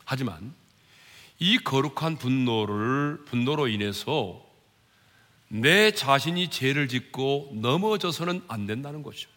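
A male pastor preaching a sermon, dropping to hushed low asides and then rising loud and high as he acts out mockers and urges the congregation. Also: lively intonation, a little slow, long reverb tail.

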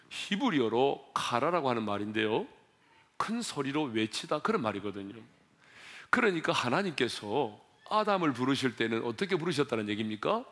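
A male pastor preaching a sermon, building to loud emphatic peaks and then dropping low and soft, asking questions and leading the congregation in reading.

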